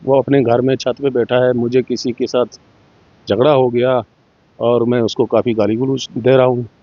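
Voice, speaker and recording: A man's voice: mid-range voice, level tone, normal speed, no echo. A middle-aged man from Jammu and Kashmir, giving an interview and telling his own story in earnest, acting out the dialogue with small shifts in his voice. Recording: muffled, dull dry recording.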